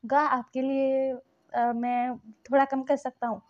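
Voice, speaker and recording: A woman's voice: high voice, little pitch movement, takes it slowly, darkish tone, muffled recording. A woman voicing a childish young man who throws tantrums over pastry, speaking in a whiny, petulant way. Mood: pleading, bargaining.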